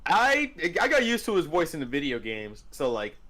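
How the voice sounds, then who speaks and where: A young man with a lively, animated voice that sits a little high, teasing his friends in a loose podcast chat. He trips over his words and restarts often. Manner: teasing, joking, halting restarts. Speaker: podcast co-host. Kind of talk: casual chat.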